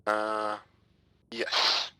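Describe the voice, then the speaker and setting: Bright-voiced casual man flying a sim helicopter. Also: lowish voice, completely flat delivery, clear, resonant tone, rough recording. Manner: casual, quick acknowledgements mixed with formal tower calls. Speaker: helicopter pilot in a military flight sim. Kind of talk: gaming chat and radio calls.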